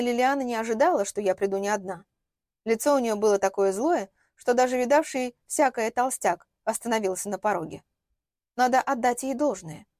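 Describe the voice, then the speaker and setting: A woman narrating a first-person audiobook with lively storytelling. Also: a little high, dry recording, clean studio sound.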